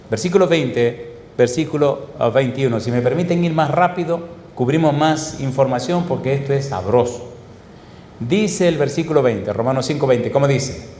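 A man preaching a sermon, firing rhetorical questions at the congregation and stretching key phrases slowly. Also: darkish tone, slight background noise. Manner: emphatic, call-and-response questions to the congregation; sweeping pitch swings and slow stressed phrases. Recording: echoey hall with reverb.

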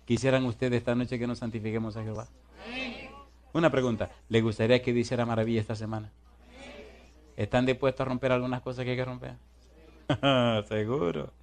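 Animated preacher swinging loud and soft. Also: male voice, mid-range voice. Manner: reads scripture slowly and deliberately. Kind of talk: sermon.

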